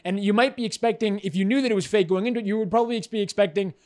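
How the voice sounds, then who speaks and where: A man's voice: high voice, racing, darkish tone. A man co-hosting a news commentary show, incredulous and mocking about a story. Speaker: co-host.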